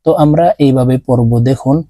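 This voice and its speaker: A man teaching Quran reading step by step, drawing out each letter sound in slow drills. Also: medium pitch, fairly even intonation, dark tone, no room sound. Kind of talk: step-by-step recitation lesson.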